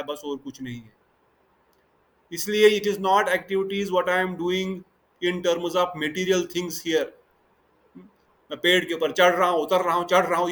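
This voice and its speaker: A man with a slightly high voice teaches a devotional scripture class, moving through stories and explanations. He switches freely between Hindi and English and turns to his students with questions. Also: a bit bright.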